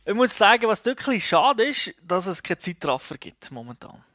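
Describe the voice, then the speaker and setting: A man's voice: high-pitched, sing-song, normal speed, pushed and bright, no room sound, studio quality. A man with a Swiss German accent, hosting a casual podcast and steering the talk with questions. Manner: leads the talk, asks questions. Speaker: podcast host.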